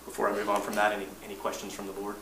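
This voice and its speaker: A man, an engineering manager, presenting updates to a board in a measured, plain-spoken way, often restarting his sentences. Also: fairly low pitch, completely flat delivery. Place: boardroom meeting. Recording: roomy distant mic, noisy meeting room.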